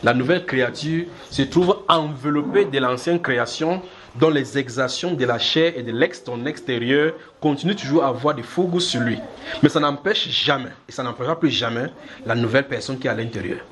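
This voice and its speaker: A man from Cameroon preaching a sermon to a congregation, lively, acting out small scenes and chuckling as he teaches. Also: fairly quick, slight background noise. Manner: lively, acts out little scenes with shifting pitch, chuckles while preaching.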